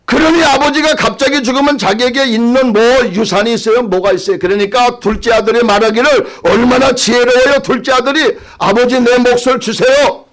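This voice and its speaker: A male pastor preaching a sermon with dramatic swings in pitch and volume, slowing down for emphasis and mimicking regional dialect to make a point. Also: a bit bright.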